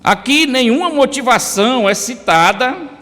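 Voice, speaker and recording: A man's voice: very high voice, lively intonation, measured pace, sharp tone. A man from Brazil with a Brazilian Portuguese accent preaching a sermon in church, addressing listeners by name with emphatic rises. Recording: church hall reverb.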